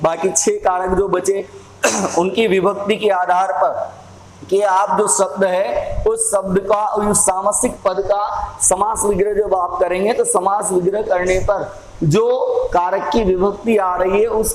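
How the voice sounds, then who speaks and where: A man explains grammar at a slow, unhurried pace, his voice pitched high and held level with little rise or fall. He repeats points patiently and clears his throat from time to time. The room is echoey, with a faint hum of ambient noise behind him. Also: little pitch movement. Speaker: Hindi grammar teacher.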